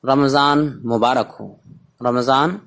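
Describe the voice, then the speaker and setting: A man giving a language lesson at a deliberate, unhurried pace. He repeats each word patiently so learners can follow. His voice sits in an ordinary middle register. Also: mid-range voice, a bit bright. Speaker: teacher. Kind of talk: spoken English lesson.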